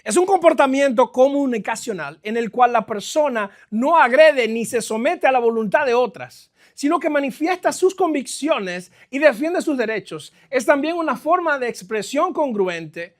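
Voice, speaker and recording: High-pitched pastor guy preaching, gets loud then goes quiet, drops english bits, in a church. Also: normal speed, hardly any pauses. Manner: lively preaching, swings between loud exclamations and quiet stretches; mixes English phrases into his speech. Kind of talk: sermon.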